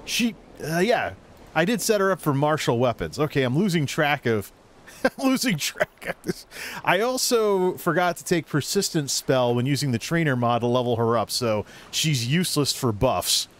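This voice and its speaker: A man's voice: fairly high pitch, expressive, moderate pace, fairly bright tone. Man rambling through casual gameplay commentary. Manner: rambling, thinking aloud. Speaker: gaming video creator.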